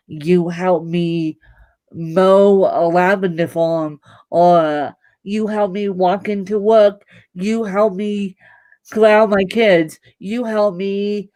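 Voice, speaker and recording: A woman with a lowish, slightly mellow voice, recorded with no echo, is a guest on a live video podcast and hosts a podcast herself. In this casual video interview she tells stories with emphatic, humorous delivery.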